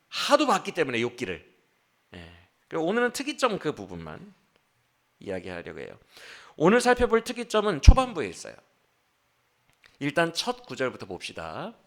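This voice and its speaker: A man preaching a sermon as pastor, acting out the quoted speech with sudden changes in loudness. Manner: animated, acts out quoted speech with shifts of pitch and loudness. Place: church.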